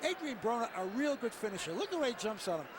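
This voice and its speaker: Fast, high-pitched male boxing analyst. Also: very animated. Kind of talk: live sports commentary. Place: ringside at a boxing arena. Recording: noisy arena ambience.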